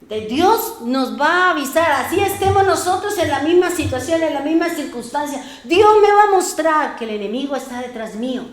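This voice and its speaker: A woman pastor preaches in a high, bright voice, telling stories in a lively way and acting out the voices of people she quotes. Her words ring through an echoey church room. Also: normal speed, few pauses. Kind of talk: sermon.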